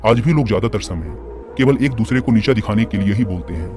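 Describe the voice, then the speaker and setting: Man voicing a gentle old Zen monk. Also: fairly low pitch, lively intonation, fast talker, natural voice. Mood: calm. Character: gentle male Zen monk, older teacher. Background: music.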